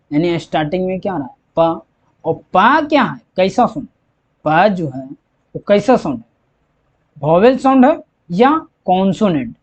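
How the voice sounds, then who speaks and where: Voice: medium pitch, darkish tone. An English teacher explaining grammar step by step, repeating each point and answering their own questions. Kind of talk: slow classroom explanation. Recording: dull lo-fi recording.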